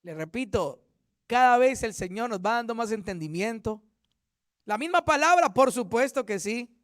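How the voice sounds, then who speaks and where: A man's voice: extremely high pitch, lively intonation, moderate pace, no room sound, clean studio sound. A man, a pastor, teaching a Bible study in an earnest, repetitive way, often correcting himself mid-sentence.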